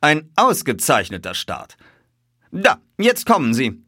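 A man voicing a calm, unshakably composed male detective in a raised voice. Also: fairly high pitch, normal speed, no echo, studio quality, voice pushed up.

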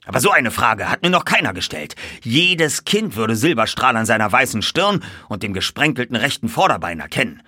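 A man voicing an agitated older colonel who owns racehorses, speaking loudly and excitably in a raised voice. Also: medium pitch, a little fast, husky, no room sound, clean studio sound, pitched above the performer's own voice, full character voice. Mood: indignant. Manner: loud, excitable, indignant. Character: agitated older male horse-owning colonel.

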